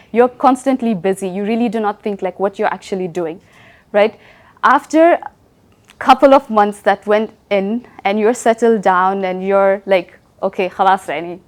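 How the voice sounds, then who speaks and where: Young woman giving a relaxed company talk. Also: mid-range voice. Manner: conversational, often asks "right?". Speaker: presenter. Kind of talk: company talk with audience questions.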